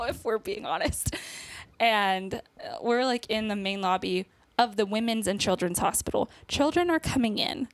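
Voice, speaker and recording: A woman's voice: fairly high pitch, fairly bright tone, no room sound. A young woman guest on a podcast, telling a personal story in casual conversation, laughing nervously and acting out what people said. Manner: acts out quoted dialogue.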